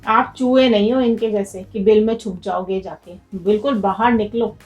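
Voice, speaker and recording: A woman's voice: medium pitch, fairly even intonation, moderate pace, soft background music. A woman doing a tarot reading, urging viewers in a direct, motivational way. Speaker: tarot reader.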